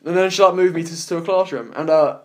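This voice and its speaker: A man's voice: on the high side, fast. A young man, casually telling a school story on a podcast with lots of swearing. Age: young adult. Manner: swearing, animated, mocks others. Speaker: podcast co-host. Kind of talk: casual storytelling among friends.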